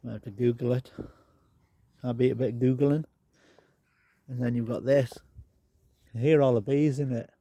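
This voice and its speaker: In a muffled recording with no room sound, a man with a congested, nasal mid-range voice talks at a moderate pace, leaving long pauses. He's a garden vlogger rambling casually through a walk-and-talk in his outdoor garden, filming on a handheld phone and tossing in relaxed asides.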